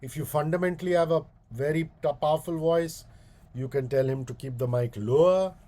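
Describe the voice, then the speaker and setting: A guest speaker with a booming voice and an Indian English accent leads a public speaking workshop. His tone is warm, and he speaks slowly and deliberately, leaving long pauses and repeating demonstrations.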